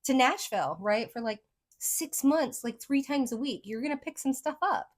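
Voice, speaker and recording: A woman's voice: high voice, expressive, moderate pace. A woman psychic reader talking casually to her viewers, rambling with lots of "like" and "right?", her speech a mix of accents she picked up from many places.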